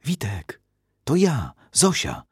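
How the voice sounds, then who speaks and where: A man's voice: mid-range voice, wildly swooping pitch, takes it slowly, breathy edge, no room sound, studio quality, pitched above the performer's own voice, full character voice. A man voicing a young woman field nurse, soothing but urgent in her speech.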